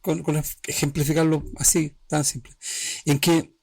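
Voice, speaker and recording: A man's voice: fairly high pitch, level tone, a little slow, a little mellow, no room sound. A man hosting a live-streamed talk on emotional healing, speaking conversationally in short, restarting phrases and often checking that the listener follows. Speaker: host of an emotional healing channel.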